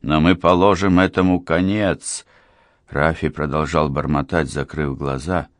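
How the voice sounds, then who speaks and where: Man, audiobook narration, extremely deep voice, dry close sound. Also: dry recording.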